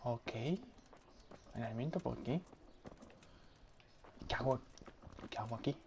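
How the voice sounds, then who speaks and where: Quiet-talking gameplay commentator. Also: male voice, mid-range voice, slow pace, creaky, slight background noise. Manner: speaking quietly, muttering to himself. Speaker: gameplay video creator. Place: home at night.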